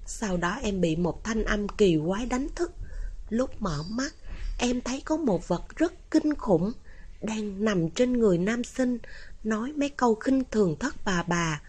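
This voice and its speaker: A woman voicing a shy young female healer student who hesitantly tells a frightening story, in a husky voice. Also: medium pitch, expressive, a little slow, a little mellow. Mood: frightened, recounting.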